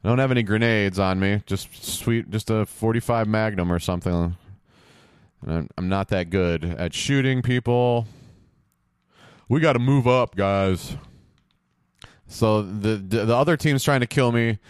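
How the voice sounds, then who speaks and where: A man casually narrating his video game play to himself, rambling, swearing and getting loud during fights. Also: fairly low pitch, normal speed, clean tone, no room sound, studio quality. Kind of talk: casual let's-play commentary. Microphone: headphones on, close podcast mic.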